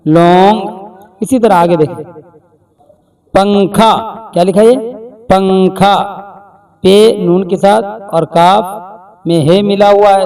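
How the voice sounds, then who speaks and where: A man leads a slow beginner reading lesson, sounding out each word and asking the listener to read it back. His voice is high and mellow, and he sounds set back from the microphone. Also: recorded from a distance. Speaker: teacher.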